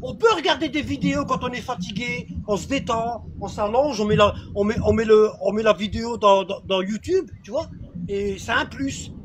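A man in casual chat, explaining in short, repeated phrases and checking that the listener follows. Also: normal speed. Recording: noisy recording with vehicle rumble behind.

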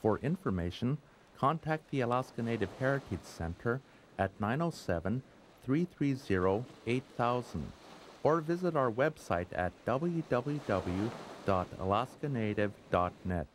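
A man reading scripted documentary narration in a measured, explanatory way. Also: mid-range voice, lively intonation, a little hiss or hum.

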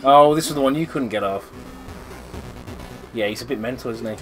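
A middle-aged man hosting a casual gameplay chat with his son, cheerful and quick to laugh. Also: medium pitch, over music. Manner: cheerful, chatty, laughs easily. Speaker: host.

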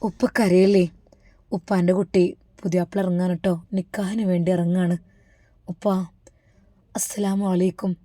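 A woman voicing a soft-spoken grieving groom. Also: fairly low pitch, flat delivery, moderate pace, long pauses, dry recording, clean studio sound, natural voice. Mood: tender. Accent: Malappuram Malayalam. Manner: soft, subdued, tearful. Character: grieving young groom, gentle and dutiful.

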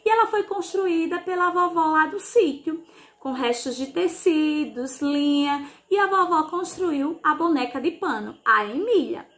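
For a broadcast lesson to young children, a female primary school teacher speaks in a high, bright, animated voice. Her slow, sing-song delivery uses diminutives, drawn-out sounds, and small questions to help the kids follow along in the televised remote class.

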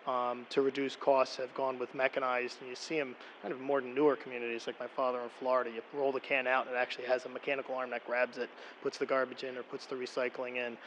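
A middle-aged man speaks at a podium microphone in a council meeting room, walking the council through figures in a plain explanatory way. His delivery is fairly flat in pitch, with frequent ums and restarts. Faint room ambience sits behind him. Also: quick pace, hardly any pauses, slight background noise, low-quality recording. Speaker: borough official presenting to council. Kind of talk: public meeting presentation.

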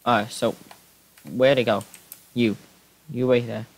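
A young man giving casual gameplay commentary, excitable, yelping when things go wrong. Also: medium pitch, a little slow. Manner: excitable, yelps and shouts when startled. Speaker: Minecraft YouTuber.

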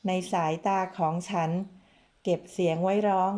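Woman reading as a menacing vengeful husband, contemptuous, mellow tone, audiobook novel reading. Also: lowish voice, level tone, measured pace, natural voice. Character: cold vengeful domineering husband, grown man.

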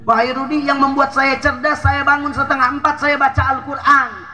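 A man voicing a proud top male student who calmly explains his habits in a lecturing way. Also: very high-pitched, moderate pace, faint music behind, pitched above the performer's own voice, exaggerated voice. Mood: explaining.

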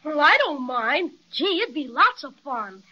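A woman's voice: high-pitched, big pitch swings, measured pace, sharp tone, exaggerated voice. A woman voicing an eager, plucky young boy in a 1930s radio drama. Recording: muffled 1930s radio transcription.

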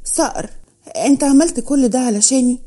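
Woman reading soft-spoken young heroine, earnest, high mellow voice. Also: moderate pace, husky. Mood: tender. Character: young woman in love, gentle and emotional.

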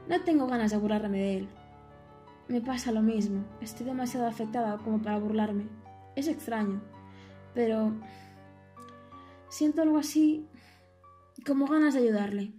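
A woman's voice: a little high, normal speed, mellow, soft background music, lightly acted. A woman voicing squealing gossipy sea waves. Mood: excited. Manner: squealing, melodramatic, chattering. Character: pair of mocking, gossipy, theatrical sea waves. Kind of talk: audiobook character voice.

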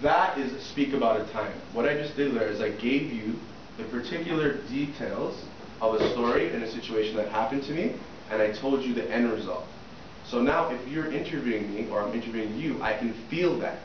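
A middle-aged male soft skills trainer, medium in pitch and a little fast, gives an interview-prep workshop talk, asking the room lots of questions and checking with "okay?" He's in a small indoor classroom with a projector screen. A camera at the back of the room records him from afar, giving distant, echoey, muffled, noisy sound.

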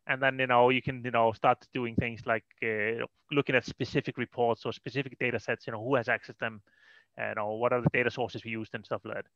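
A data consultant with an Icelandic accent gives an informal, explanatory technical talk at an online meetup, indoors on a video call, often saying "you know." His mid-range voice is level, brisk and a bit bright, and the dry audio has the dull, lo-fi quality of an online call.

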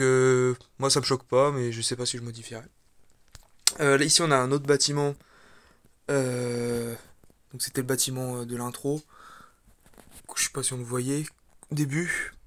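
A man talks through his brick model project in a loose, unhurried way, pausing often and restarting sentences as he films. His pitch sits in an ordinary middle range. He sounds like someone showing friends around his hobby table. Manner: relaxed, hesitant with frequent fillers and restarts. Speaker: video creator presenting his model build. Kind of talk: casual walkthrough commentary.

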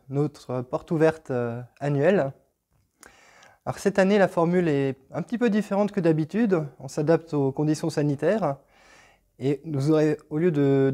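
A man in his thirties speaks to a camera a few meters away in a stone-walled showroom. His voice sits a little high but sounds dark and mellow. He works through long brand lists with frequent pauses and "euh"s. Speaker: shop owner presenting an open house. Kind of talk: casual presentation to camera. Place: hi-fi showroom with stone walls, indoors.

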